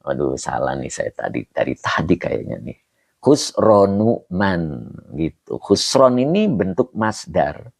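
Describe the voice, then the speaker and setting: A middle-aged man teaching an Arabic religious text on a livestream, reading viewers' comments and joking with them in a relaxed way. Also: rumbling low, unhurried, vocal fry, breathy edge, dry recording. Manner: reads comments, jokes with viewers. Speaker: kitab teacher. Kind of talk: live-streamed kitab lesson. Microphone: phone or camera on a stand.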